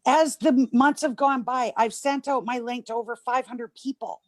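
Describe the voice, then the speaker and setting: Gushing high-voiced woman testifying. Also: steady tone, moderate pace, no room sound. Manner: gushing, emphatic, choked up at times. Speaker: member testifying on a group video call. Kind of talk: emotional testimonial.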